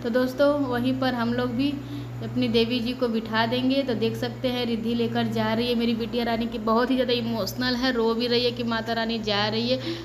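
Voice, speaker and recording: With a noisy background, a woman whose voice is on the high side weeps and prays over her family and her daughters. A vlogger and mother in her thirties, she also shouts at the children during this casual devotional family vlog.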